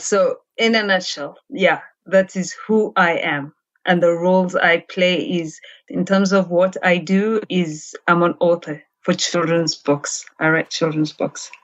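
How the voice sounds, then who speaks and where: Kenyan woman on a dull remote line. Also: fairly low pitch. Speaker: guest, children's author. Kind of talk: conversational interview.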